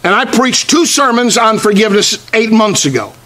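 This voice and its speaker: A man preaching a sermon as pastor, repeating phrases and slowing down to stress key words. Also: high voice, expressive, bright, forceful tone.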